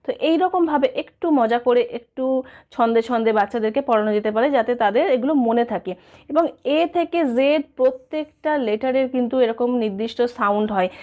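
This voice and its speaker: A woman's voice: on the high side, a little fast, narrow, tinny audio. A woman teacher explaining in a casual video, asking and answering her own questions and sounding out letter sounds. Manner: sounds out letter sounds in a sing-song. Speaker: teacher giving tips.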